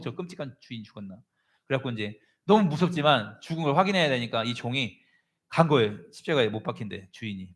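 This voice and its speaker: A male pastor preaching a sermon, telling a story with animated delivery and calling on congregation members by name. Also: fairly high pitch.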